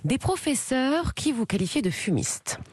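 A woman's voice: high voice, sing-song, measured pace, darkish tone, breathy edge, no room sound. Woman reading a playful radio portrait. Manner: playful, breaks into giggles. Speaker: radio columnist. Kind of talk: reading a scripted guest portrait. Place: radio studio.

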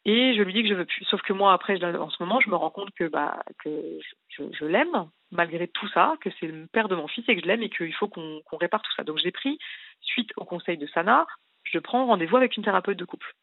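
A woman's voice: fairly low pitch, animated, fairly quick, no room sound. Upset woman caller on a tinny phone line, rambles on with loads of detail, dry sound. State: distressed. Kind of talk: call-in radio confession.

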